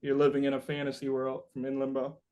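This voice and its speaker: In a muffled recording, a man talks fast in a monotone at medium pitch. He's a musician in an interview, thinking aloud in a rambling, philosophical way and returning again and again to the same phrases.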